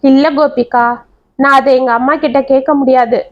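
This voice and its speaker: A woman doing a calm young husband. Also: high-pitched, moderate pace, highs cut off. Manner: calm, explaining.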